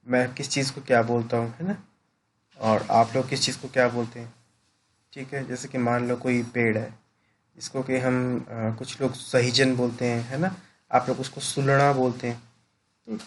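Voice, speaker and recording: A man's voice: medium pitch, a little hiss or hum. A male teacher explaining a lesson to his students, often checking in with short "right?" tag questions. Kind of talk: classroom lecture.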